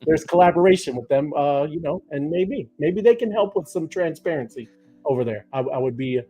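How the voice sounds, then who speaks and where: A man's voice: fairly high pitch, expressive, fairly quick, mellow, breathy edge, soft background music. A man co-hosting a crypto livestream, rambling in casual chat with many fillers and restarts. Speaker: crypto show co-host.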